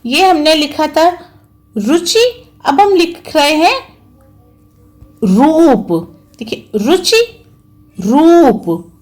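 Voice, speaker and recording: Woman teacher, high lively voice, slow careful delivery, repeats each word for small kids. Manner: slow, careful, spelling out each sound and syllable. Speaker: school teacher. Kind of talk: online Hindi lesson for young children.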